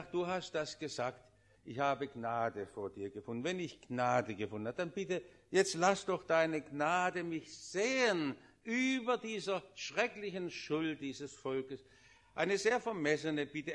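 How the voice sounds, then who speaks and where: A man preaching a sermon, earnestly swelling loud on quoted prayers and then dropping low and slow.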